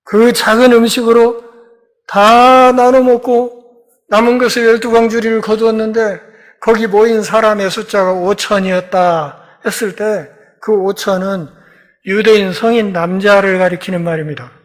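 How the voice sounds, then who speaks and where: High-voiced male pastor telling stories. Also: fairly even intonation, moderate pace. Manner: storytelling, acts out the dialogue of biblical characters; shifts between loud emphatic and quiet, low passages. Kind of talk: Bible lecture sermon.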